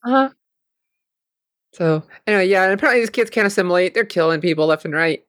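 Brief: chatty podcast co-host, mid-pitched voice, dry close mic, laughs often. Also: expressive, quick pace, a bit bright, no echo. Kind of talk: casual chat.

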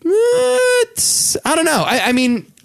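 A man co-hosting a podcast in casual chat, telling rambling stories with deadpan jokes and halting restarts. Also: medium pitch. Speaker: podcast co-host.

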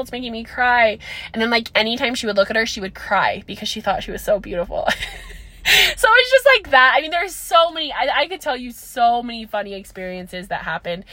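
A woman's voice: medium pitch, fairly bright tone, no room sound. A woman hosting her own podcast as a business coach, talking in a rambling, casual way, full of "like" and "um", with frequent laughs. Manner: chatty, rambling, peppered with "like" and "um", laughs often. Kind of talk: casual solo podcast monologue.

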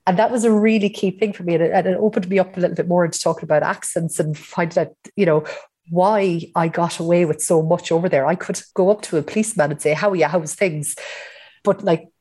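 A woman's voice: fairly low pitch, fairly even intonation, quick pace, dark tone, slightly rough. A middle-aged woman with a west of Ireland Mayo accent, chatting informally and reflectively as a podcast interview guest. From County Mayo, west of Ireland. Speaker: interview guest, hospital emergency consultant.

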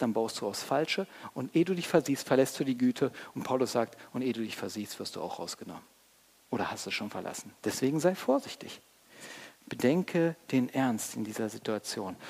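A man's voice: medium pitch, gravelly, a little mellow, breathy edge. A man preaching a sermon as pastor, earnest and speaking straight to his congregation with questions. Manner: earnest, addresses congregation directly with rhetorical questions. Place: church. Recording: long church reverb.

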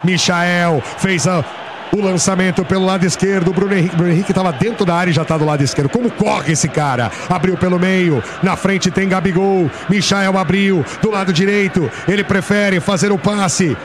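A man giving explosive goal commentary on football for radio, in an excited rapid play-by-play with shouted goal calls. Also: high-pitched. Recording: noisy radio broadcast clip.

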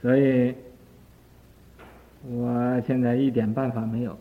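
A man's voice: medium pitch, flat delivery, slow, close to an everyday voice. An older man voicing a grief-stricken man who is desperate to cure his sick mother, in an anguished, pleading voice. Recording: tinny lo-fi archive tape.

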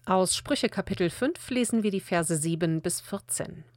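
A woman reading Bible passages aloud in a calm, measured way for a daily audiobook podcast. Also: fairly low pitch, dry recording, studio quality. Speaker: Bible reader.

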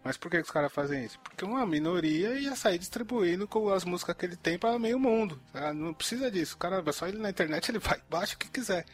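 A young man rambles through his opinions in slangy, casual podcast talk. His voice sits a little high. Faint music plays underneath. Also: expressive, fast talker, hardly any pauses. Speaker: podcast co-host. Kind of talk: casual chat.

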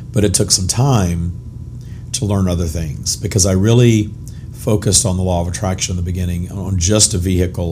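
A middle-aged man hosting a podcast monologue as a spiritual coach, his voice hoarse, raspy and whispery, as if nearly lost. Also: deep voice, a little mellow, a little hiss or hum. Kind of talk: informal motivational monologue.

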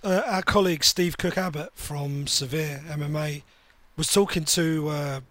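A man's voice: on the high side, fairly even intonation, normal speed, fairly bright tone, no room sound. A man co-hosting a fight podcast, chatting with wry humor and stumbling over repeated words. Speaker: podcast co-host, MMA journalist. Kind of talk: casual post-fight recap chat.

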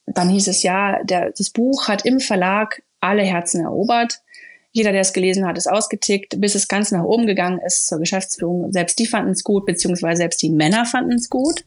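A woman author in a casual interview, telling her story in a lively, animated way and acting out what people said. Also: mid-range voice. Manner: lively, animated storyteller who acts out quoted dialogue.

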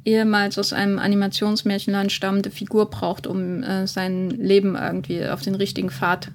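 A woman's voice: mid-range voice, completely flat delivery, moderate pace, slight background noise. Woman, podcast co-host, casual film chat, hesitant, fillers. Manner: chatty, hesitant with fillers and restarts.

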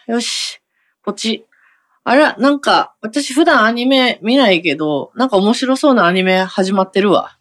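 A woman's voice: a little high, a little slow, a bit bright. A woman hosting a radio show, chatting casually and narrating a comic scene to herself. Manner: chatty, acts out quotes in a mumbled aside.

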